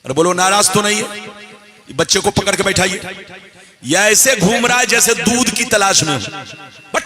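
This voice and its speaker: A man's voice: high-pitched, normal speed, bright, forceful tone. A man preaching a sermon to a crowd, chanting his recitations in a sing-song and urging listeners to call back.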